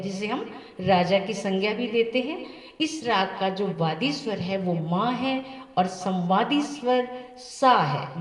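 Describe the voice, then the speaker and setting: A woman music teacher talks students through theory at a patient pace, often posing a question and answering it herself. Her voice is mid-pitched and comes from a little way off the mic. The room rings with a long, echoey tail. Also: distant mic.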